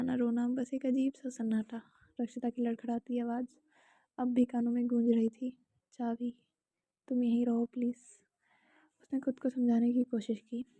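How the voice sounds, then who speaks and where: Young woman narrator, Indian accent, calm steady storytelling, occasional whisper, flat delivery, dry room. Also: on the high side, dry recording. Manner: calm, steady, with casual asides to the listener. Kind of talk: soft romantic story narration, partly whispered.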